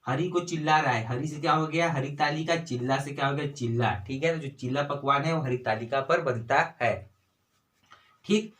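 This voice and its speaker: A man's voice: a little high, moderate pace, fairly bright tone. Man tutoring with rising "ठीक है" tags. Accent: Chhattisgarhi Hindi. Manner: repeats "ठीक है" and "है ना", asks and answers own questions. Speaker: exam tutor. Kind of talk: exam-prep lesson.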